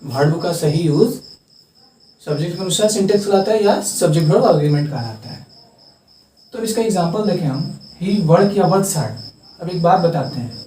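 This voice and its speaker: A man's voice: fairly high pitch, animated, mellow, slight background noise. Young male tutor, echoey room. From India. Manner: repeats terms slowly and stresses their pronunciation. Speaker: English tutor. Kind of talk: classroom lesson at a board. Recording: echoey room, distant mic, faint crickets.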